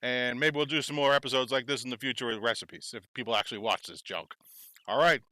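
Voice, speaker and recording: A man's voice: mid-range voice, fast, bright, forceful tone, no room sound, clean studio sound. A man hosting a casual cooking vlog at his backyard grill, chatting through each step as he cooks. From United States. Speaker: host.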